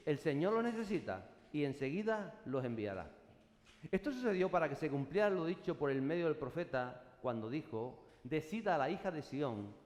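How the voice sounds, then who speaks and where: A man preaching a sermon to his congregation, now and then breaking into loud shouted acclamations. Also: on the high side. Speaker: pastor. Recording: echoey hall, long reverb.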